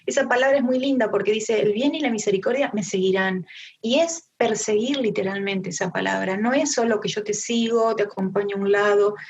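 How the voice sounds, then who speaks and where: This middle-aged woman, whose accent is Argentine Spanish, talks a little fast in a mid-range voice while giving a women's group a conversational devotional Bible teaching. She engages them directly, often through rhetorical questions. The recording is an online group call with dull, lo-fi audio.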